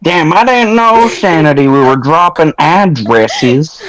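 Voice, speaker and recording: A man's voice: fairly high pitch, expressive, slow pace, a crowd in the background, poor audio. A man co-hosting a podcast in casual chat, teasing and cracking edgy jokes. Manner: teasing, joking, edgy humor. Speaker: podcast co-host.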